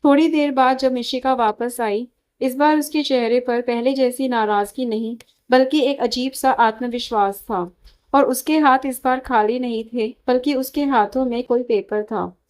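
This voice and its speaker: A woman reading a scripted emotional story as narrator, steady and measured. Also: a little high.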